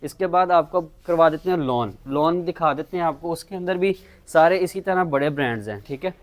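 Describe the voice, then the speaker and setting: A man presenting shop stock in an informal sales pitch, with repetitive patter about prices and items. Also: brisk. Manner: repetitive selling patter, repeating prices and checking phrases. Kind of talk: informal sales pitch in a product showcase video.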